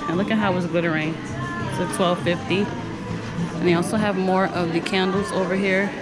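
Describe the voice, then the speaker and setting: A woman casually vlogging while shopping in a store, rambling and pointing out prices, with loud store music behind her. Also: lowish voice, steady tone, normal speed, rough recording. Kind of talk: casual shop-with-me vlog. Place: inside a busy retail store. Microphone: handheld camera.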